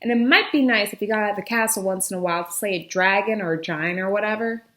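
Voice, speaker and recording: A woman's voice: mid-range voice, quick pace, pushed and bright, natural voice. A woman reading a storybook aloud as a fed-up, scolding princess. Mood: nagging. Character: nagging, fed-up fairy-tale princess.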